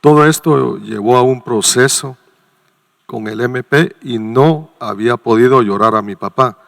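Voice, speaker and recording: A man reads a listener's letter aloud on the radio at a middle pitch. His voice is gravelly with plenty of fry, and his delivery is plain and measured. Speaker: reader of listener messages.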